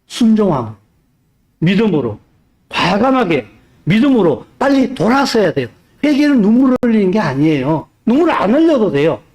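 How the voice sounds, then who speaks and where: A male pastor preaching a sermon, pressing the congregation with rhetorical questions and swinging between loud urging and hushed speech. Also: sits high, sing-song, moderate pace.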